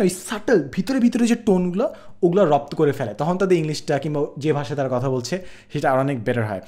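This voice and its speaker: A man's voice: fairly high pitch, a little mellow. A man talks casually to viewers, mixing English words into his Bangla and repeating words aloud to show how they sound. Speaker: vlogger. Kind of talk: casual explainer vlog.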